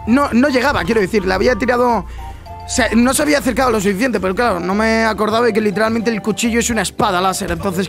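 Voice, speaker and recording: A man with a Spain Spanish accent talks over gameplay clips in an excitable, profane way. He keeps repeating his exclamations, and a clear music track plays behind his voice. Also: high voice. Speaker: gaming YouTuber. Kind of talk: reaction commentary on gameplay clips.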